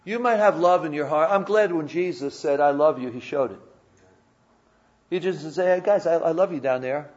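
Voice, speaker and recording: A muffled recording captures a pastor preaching in church in a fairly high, darkish-toned voice at normal speed. He stumbles into repeated restarts and chats with the congregation through questions.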